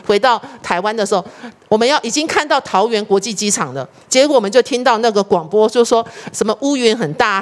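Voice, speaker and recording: A middle-aged woman preacher, delivering a sermon and asking the congregation questions. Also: on the high side. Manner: animated, rhetorical questions to the congregation.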